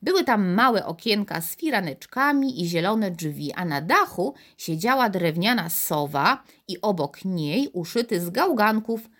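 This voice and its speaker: A woman narrates a children's story aloud. Her reading is animated, with a wide, lively pitch range. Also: a little slow, hardly any pauses. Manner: expressive, animated.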